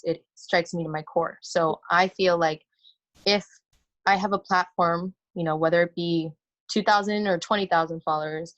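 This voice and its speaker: A woman in her early twenties from the United States, a guest on a talk show, speaking passionately and deliberately. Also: on the low side, lo-fi sound. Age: 20s. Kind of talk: earnest interview talk.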